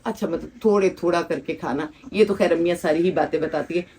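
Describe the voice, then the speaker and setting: A woman's voice: fairly low pitch, fast, mellow, slight background noise. Coaxing woman hosting children. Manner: coaxing, teasing, leads applause. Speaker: host of a children's shelter event. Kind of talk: casual talk with children before a gathering. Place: children's shelter gathering.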